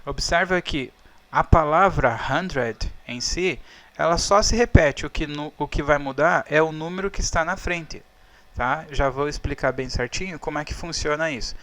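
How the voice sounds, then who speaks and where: A man's voice: on the high side, moderate pace, a bit bright. A Brazilian man, a native Portuguese speaker, teaching English numbers in a patient, explaining way over slides. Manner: patient, checks in with "tá?" and "ó".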